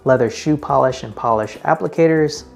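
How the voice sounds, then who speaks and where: A man's voice: mid-range voice, normal speed, creaky, a little mellow. A man hosting a men's style video, presenting tips in a casual vlogger manner with direct address and emphatic numbered points. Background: faint background music.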